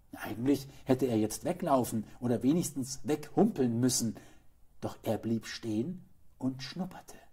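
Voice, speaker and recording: A male actor reading a children's story aloud with gentle, expressive storytelling. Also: mid-range voice, husky.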